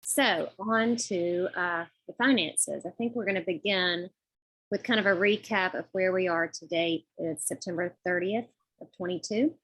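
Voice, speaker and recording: Polite woman, lowish voice, presenting finances. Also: a bit bright, breathy edge, no room sound, low-quality recording. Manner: polite, informal, hesitant with frequent pauses. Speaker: finance committee treasurer presenting budget report. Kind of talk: semi-formal financial presentation on a group call.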